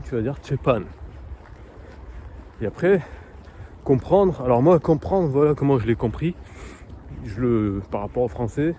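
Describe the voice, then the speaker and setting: Man vlogging outdoors, mellow voice. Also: medium pitch, slight background noise. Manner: hesitant, many fillers, sounding out foreign words slowly. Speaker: vlogger learning Polish. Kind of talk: casual walking vlog. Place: outdoor park in cold weather.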